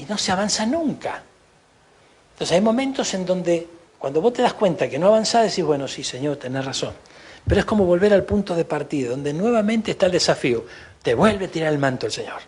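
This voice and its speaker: An Argentine pastor delivers an emphatic sermon, tossing in asides of praise as he goes. His voice sits a little high for a man and carries a husky edge. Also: a little mellow. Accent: Argentine Spanish. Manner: emphatic preaching, frequent "¿no?" and "gloria a Dios" asides.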